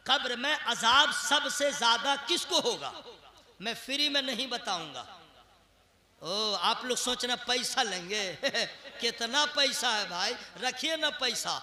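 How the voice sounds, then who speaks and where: A man preaching at a large religious gathering in a very high, piercing, bright voice. He swings from shouted, chant-like refrains to relaxed, joking banter with the listeners. The sound comes through an echoey public-address system. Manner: alternates shouted chanting with chatty joking asides. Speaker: Islamic preacher.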